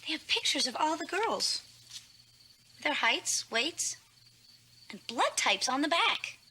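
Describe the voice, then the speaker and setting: A curious young houseguest. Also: female voice, high-pitched, sing-song, takes it slowly, bright, forceful tone, a little hiss or hum, full character voice, rough recording. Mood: suspicious.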